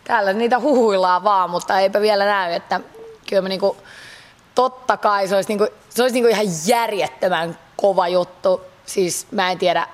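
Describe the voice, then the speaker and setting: A woman's voice: mid-range voice, fairly even intonation. A woman in her thirties from Finland, a pole dance athlete answering interview questions in a chatty way with many fillers. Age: 30s. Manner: chatty, frequent fillers, laughs easily.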